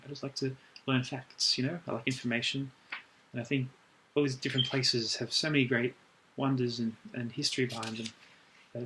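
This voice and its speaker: A man performs an ASMR role-play as a helpful librarian, speaking at a middling pitch. He chats gently and takes his time as he recommends things. There is clear background noise with clicking sounds. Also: low-quality recording.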